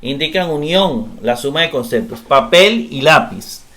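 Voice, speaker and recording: A man giving a recorded grammar class, explaining step by step, often pausing with "eh" and checking in with "¿verdad?". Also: fairly high pitch, animated, bright, forceful tone. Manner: explanatory, repeats tag question "¿verdad?", frequent hesitations. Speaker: grammar teacher.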